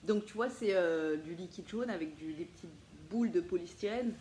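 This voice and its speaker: In a fairly low-pitched voice at moderate speed, a woman shows viewers her thrift finds in a casual, playful vintage haul vlog. She's lively and talkative, laughing often and making playful asides, while faint ambient noise fills an echoey room.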